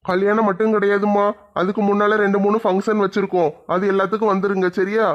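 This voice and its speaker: A man speaks politely and easily in a village comedy skit. His voice is fairly high and even, and quick. The recording sounds dull and lo-fi.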